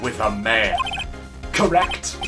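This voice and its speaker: Guy reading as an earnest game lawyer, lively accusing tone, loud music under it. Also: lowish voice, slow, pitched below the performer's own voice. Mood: probing. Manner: emphatic, argumentative. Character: earnest, accusing young male defense lawyer. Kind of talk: video game read-along role-play.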